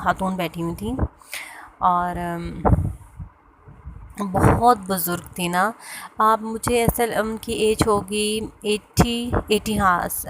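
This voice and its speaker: A woman's voice: medium pitch, background noise. Hesitant woman telling a story. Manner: hesitant, with many fillers and restarts. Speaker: vlogger sharing a personal story. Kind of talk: casual personal storytelling.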